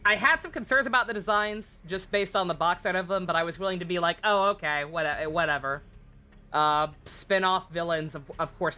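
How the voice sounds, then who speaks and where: A woman's voice: medium pitch, sharp tone. A woman giving casual, sardonic, joking commentary while streaming a video game.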